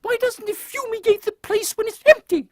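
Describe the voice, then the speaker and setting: An extremely high, dry-sounding voice carries a pompous queen. She scolds in haughty, old-fashioned formal phrases, as comic audio drama, full of indignant authority. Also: normal speed, no room sound.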